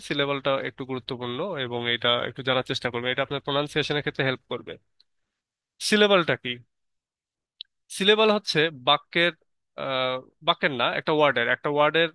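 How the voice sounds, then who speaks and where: A man teaches grammar in a bright, forceful voice that sits a little high. His delivery is crisp and resonant, and the sound is dry and close. He explains patiently, spelling words out letter by letter. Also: dry recording. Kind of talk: explanatory lesson.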